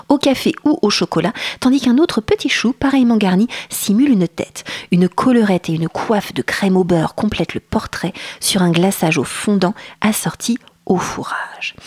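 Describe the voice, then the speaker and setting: A woman presents a food chronicle, her voice a bit husky and breathy. She tells pastry history with lively enthusiasm, often pausing on fillers and restarting her phrases. The sound is dry and close. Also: medium pitch, no room sound. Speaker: food columnist. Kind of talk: radio-style food chronicle.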